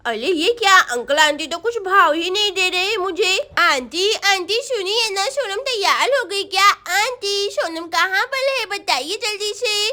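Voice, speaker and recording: A woman voicing a chatty young schoolgirl doll friend who talks in quick, lively exclamations. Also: very high-pitched, voice pushed up, full character voice. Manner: chatty, then shrieking for help.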